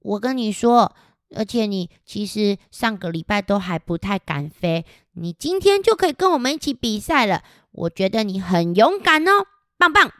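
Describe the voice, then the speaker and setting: A woman's voice: medium pitch, very animated, moderate pace, a bit bright, no room sound. An earnest little bird from a picture book, played by a woman storyteller, chirping between phrases and repeating itself like a caring friend. The sound is dry. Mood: encouraging.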